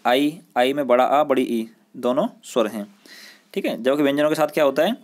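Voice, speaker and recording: A male school teacher giving a recorded lesson. He explains step by step, often checks in with the class, and asks questions that he answers himself. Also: mid-range voice.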